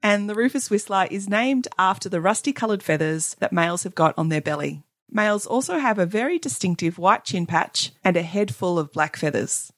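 A woman with an Australian accent and a slightly croaky voice, hosting a podcast in scripted narration. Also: medium pitch, no room sound, clean studio sound. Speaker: podcast host.

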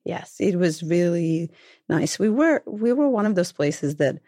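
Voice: medium pitch, big pitch swings, measured pace, dark tone, no echo, clean studio sound. A guest from Serbia speaking frankly and wryly in a casual interview. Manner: frank and wry, with light laughter.

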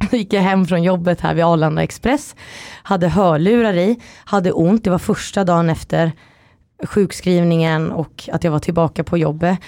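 A woman guest on a chat podcast telling stories in a lively way, acting out quotes. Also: on the low side, no echo, studio quality. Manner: lively storytelling, acts out quotes. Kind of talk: casual chat.

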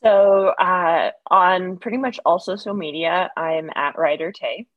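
A woman's voice: fairly low pitch, measured pace, dry recording, phone-quality sound. A woman author guesting on a podcast, talking casually with lots of fillers. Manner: relaxed, filler-heavy plugging.

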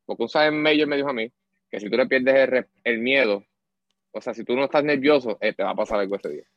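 A man's voice: medium pitch, quick pace, no room sound, lo-fi sound. A young Puerto Rican man, an army sergeant, telling stories in a casual interview with a Puerto Rican Spanish accent. He acts out the voices of the people in his stories and drops English phrases into his talk. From Puerto Rico. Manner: animated storyteller, mixes English phrases, acts out quoted voices. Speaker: guest, army supply sergeant.

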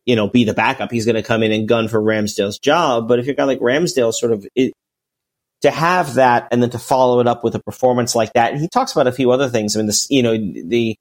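A man talks casually on a podcast at an ordinary middle pitch. He rambles in long chains of thought, restarting sentences and leaning on filler words. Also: quick pace. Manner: rambling, full of restarts and "you know". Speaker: podcast co-host. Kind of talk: casual chat.

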